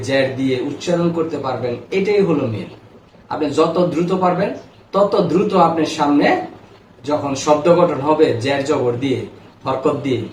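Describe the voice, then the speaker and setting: A man gives a spoken reading lesson, sounding out syllables slowly and deliberately for learners to repeat. His voice sits a little high. He is recorded from a distance in an echoey room with a faint hum of ambience behind him. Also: darkish tone. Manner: slow, drawn-out syllable drills for learners. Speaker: Quran reading teacher.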